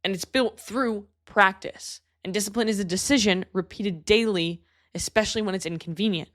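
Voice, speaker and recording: A young woman delivers a motivational podcast in an emphatic, blunt way, and she swears freely. Her voice sits at an ordinary middle pitch. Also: normal speed, fairly bright tone. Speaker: podcast host and fitness coach.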